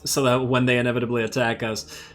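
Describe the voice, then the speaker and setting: A man's voice: mid-range voice, level tone, fast talker, fairly bright tone, soft background music. A man giving casual, think-aloud commentary while playing a strategy game, self-amused and slightly losing his voice. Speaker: strategy game let's-play host.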